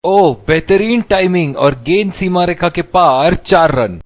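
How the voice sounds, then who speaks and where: A man giving excited cricket commentary as a commentator, exclamatory and full of admiration. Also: sits high, a little slow, no room sound, studio quality.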